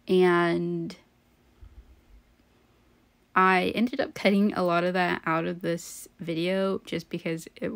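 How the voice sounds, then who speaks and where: A woman's voice: on the low side, vocal fry. A woman hosting a game-building channel, recording a casual, rambling voiceover late at night, giggling and poking fun at herself and sounding tired. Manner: rambling, giggly and self-deprecating. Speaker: Sims build channel host. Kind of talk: casual voiceover over gameplay.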